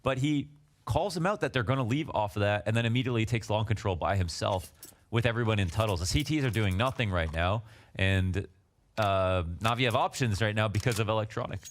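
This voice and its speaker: A man's voice: fairly low pitch, brisk, slight background noise. A man giving esports color analysis, explaining plays in detail and teasing his co-caster. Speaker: color commentator.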